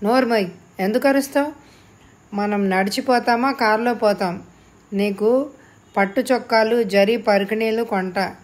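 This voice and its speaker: A woman's voice: fairly high pitch, measured pace, pauses often, natural voice. A woman voicing a domineering, bullying father who scolds and barks orders in an audiobook. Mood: angry. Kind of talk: audiobook character reading.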